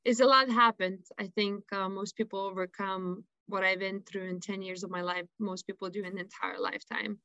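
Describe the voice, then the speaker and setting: A woman from Lithuania with a Lithuanian accent, a guest telling her life story on a radio show in earnest, halting English. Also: medium pitch, fairly even intonation, bright, forceful tone, dry recording, highs cut off. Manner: earnest, halting, with frequent fillers. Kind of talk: personal storytelling interview.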